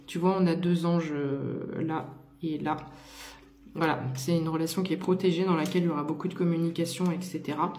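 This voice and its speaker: A woman's voice: fairly low pitch, dark tone, echoey room. A woman giving a casual tarot reading to the viewer, talking with many fillers and restarts. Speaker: tarot card reader.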